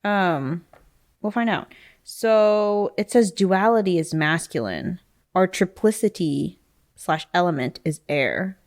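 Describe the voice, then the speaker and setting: A woman with a somewhat low voice co-hosts a casual podcast. She reads astrology passages aloud, then stops to muse on them, dropping in plenty of fillers like "um" and "like.". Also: lively intonation, slow pace. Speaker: podcast co-host. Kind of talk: casual chat, reading aloud from an astrology book.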